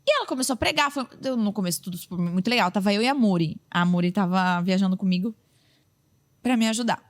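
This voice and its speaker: With a quick pace and a mid-range voice, this young Brazilian woman, a preacher and podcast host, recounts a story casually. Lively throughout, she performs what others said, speaking with a Brazilian Portuguese accent.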